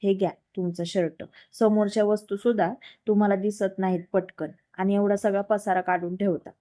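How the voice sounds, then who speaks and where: A woman's voice: mid-range voice, level tone, normal speed, mellow, lightly acted. A woman reading a storybook voices a young married wife who scolds sharply and sounds worn out. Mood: scolding. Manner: scolding, exasperated.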